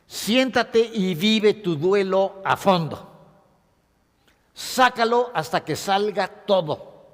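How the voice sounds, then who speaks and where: Long reverb from a hall surrounds this man's unusually high-pitched voice as he lectures a class on grief. Expressive throughout, he acts out sobs and dictates the important points for his students to note.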